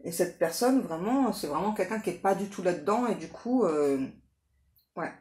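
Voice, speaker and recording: A woman giving a casual, improvised tarot reading straight to the listener, halting and repetitive, often adding little tag words for agreement. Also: fairly low pitch, lively intonation, a little mellow. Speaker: tarot card reader hosting a guidance channel. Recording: echoey room with faint background noise.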